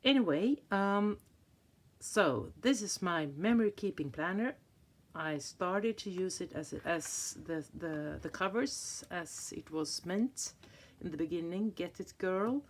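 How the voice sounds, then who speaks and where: In a casual flip-through of her planner at a table indoors, a Swedish woman in her fifties talks slowly in a lowish, animated voice. She's hesitant, often searching for words and starting over.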